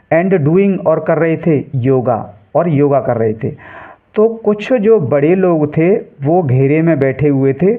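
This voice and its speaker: A man teaching an English reading lesson. He reads each English phrase slowly, word by word, then explains it in Hindi. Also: fairly high pitch. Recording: tinny phone-like sound.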